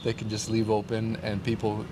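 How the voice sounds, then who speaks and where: A man's voice: lowish voice, completely flat delivery, normal speed. A man who grew up in Taiwan telling childhood stories as a guest in casual conversation, upbeat and rambling, with lots of fillers. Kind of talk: casual storytelling. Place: outdoors on a city street. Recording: outdoor street with traffic noise.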